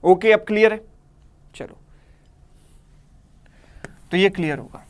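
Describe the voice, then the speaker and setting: A man's voice: sits high, slow, clean tone. A man teaching a live online math class in Hindi mixed with English in an Indian accent, explaining step by step and checking in with students.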